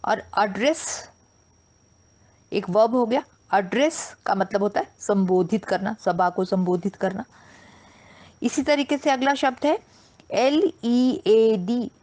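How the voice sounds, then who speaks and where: A woman's voice: mid-range voice, darkish tone. A woman teaching an English grammar lesson, spelling words out letter by letter.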